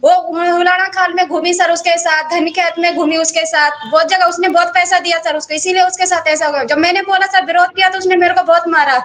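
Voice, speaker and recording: A woman with a very high, piercing voice pours out her account at a rapid clip. She speaks in an urgent, pleading way and keeps calling the interviewer sir. It is an emotional interview, not a prepared speech. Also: fairly even intonation, a bit bright. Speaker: interviewee, wife of the man who ran off. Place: remote interview from far away.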